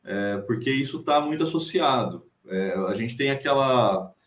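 A Brazilian man, a writer and teacher, answering interview questions casually with many pauses and restarts. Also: mid-range voice, lively intonation, reverberant. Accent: Brazilian Portuguese. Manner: hesitant, many fillers and restarts.

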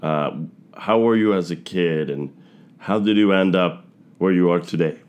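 A man's voice: low voice, normal speed, darkish tone, smooth. A young man from Queens, hosting a podcast interview, reading a scripted intro and then talking loosely with many fillers. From Queens, New York. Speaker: podcast host.

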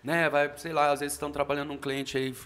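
A young Brazilian man with a Brazilian Portuguese accent, a guest chatting casually and telling relaxed, slangy stories about work and his son. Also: on the high side, fast talker, clear, resonant tone. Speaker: podcast guest, senior developer. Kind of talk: casual chat.

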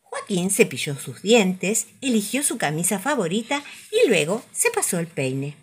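A woman reading children's stories aloud, soft and playful. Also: mid-range voice, big pitch swings, unhurried, breathy edge. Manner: soft, playful, sing-song delivery. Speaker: storyteller.

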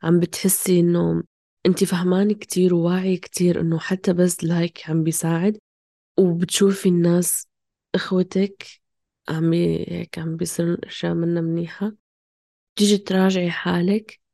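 A woman's voice: on the low side, little pitch movement, fairly quick, vocal fry, dark tone, no room sound, studio quality. A woman talking casually and passionately, questioning herself in fragmented bursts. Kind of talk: casual, impassioned conversation.

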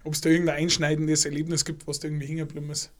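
A man's voice: fairly high pitch, level tone, racing. Hesitant man hosting a podcast. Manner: hesitant, many fillers and restarts. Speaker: podcast host. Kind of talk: casual interview chat.

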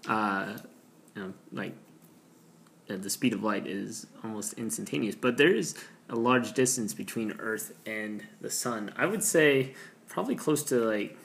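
A man's voice: lowish voice, a little slow, gravelly, a bit bright. A man co-hosting a casual trivia board game, dry and easygoing.

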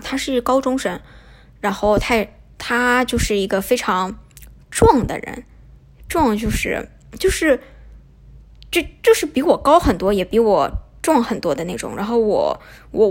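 A young woman from China, a podcast host telling a personal story in a chatty way, posing and answering her own questions. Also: medium pitch.

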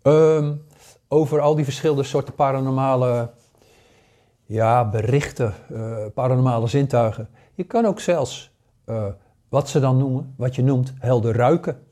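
A man's voice: medium pitch, a little slow, mellow. Hesitant man in his sixties. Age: 60s. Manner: hesitant, many fillers and restarts. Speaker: paranormal course teacher. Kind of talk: casual spoken lesson.

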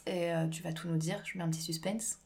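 A woman's voice: fairly low pitch, steady tone, quick pace, darkish tone. A woman hosting a podcast, asking friendly questions with hesitant fillers. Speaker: podcast host. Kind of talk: casual podcast interview.

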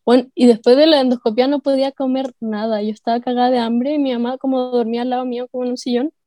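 A young Chilean woman with a high voice tells slangy, laughing stories in a casual chat. Her voice is recorded close and dry, with no room sound. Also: fairly even intonation, quick pace, warm tone, no echo.

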